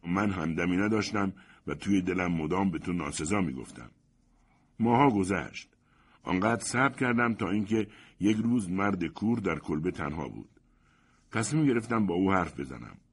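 A man's voice: sits low, expressive, slightly rough. A man narrating a first-person story in a grave, sorrowful reading. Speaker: audiobook narrator.

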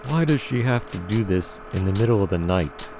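A man's voice: deep voice, animated, normal speed, vocal fry, noisy background. A man voicing a sleepy, put-upon husband woken in the night, complaining in an exasperated, whiny way in an amateur comedy audio drama. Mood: groggy.

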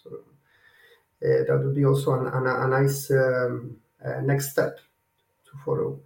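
A man's voice: mid-range voice, monotone, measured pace, gravelly, a little mellow. Chilean-accented man in an echoey room. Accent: Chilean Spanish. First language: Spanish. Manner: hesitant, many fillers and restarts. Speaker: guest engineer. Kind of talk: technical interview.

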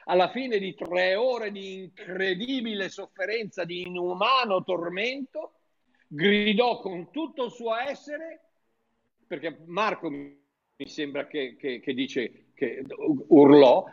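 A man's voice: sits high, expressive, slow pace, creaky, fairly bright tone. A man preaching in an informal, fervent teaching style, talking to his listeners like friends and often restarting his sentences. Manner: fervent, chatty, with frequent restarts. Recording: dull lo-fi sound.

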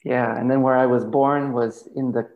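A man in his thirties, a guest on a podcast, recounts his life story in an easygoing, reflective voice, often pausing with fillers as he gathers his thoughts. His pitch sits in the middle range for a man. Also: little pitch movement, dull audio. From United States. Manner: thoughtful, hesitant with many fillers. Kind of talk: casual testimony interview.

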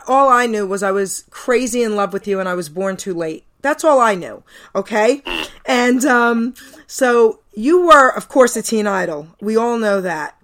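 A woman's voice: a little high, a bit bright. Gushing female radio host. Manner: gushing, effusive. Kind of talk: casual radio interview.

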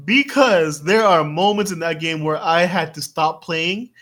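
Young woman from the Philippines, low-pitched voice, podcast co-host, blunt and relaxed, casual swearing. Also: unhurried.

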